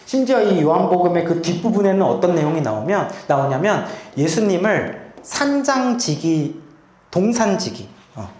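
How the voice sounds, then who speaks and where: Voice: mid-range voice, very animated, moderate pace, darkish tone, echoey room, slight background noise. A pastor preaching a sermon in a church, often putting rhetorical questions to the congregation. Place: church sanctuary.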